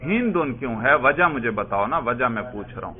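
A man's voice: medium pitch, expressive. Guy teaching grammar class, keeps quizzing and asking why, sounds thin like over a phone. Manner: quizzing, presses students for reasons; calls students brother. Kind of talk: Arabic grammar lesson. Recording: tinny phone-like audio.

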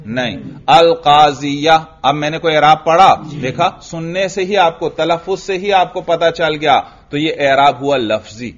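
A man teaching an Arabic grammar lesson, asking his students questions, answering them himself, and drawing out the example words slowly. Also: a little high, expressive. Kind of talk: classroom lesson. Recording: dull lo-fi recording.

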